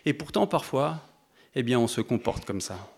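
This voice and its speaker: A man's voice: mid-range voice, animated, vocal fry, slightly rough. Conversational French-speaking man preaching a sermon. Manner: thoughtful, conversational, with frequent pauses and restarts; addresses the congregation directly.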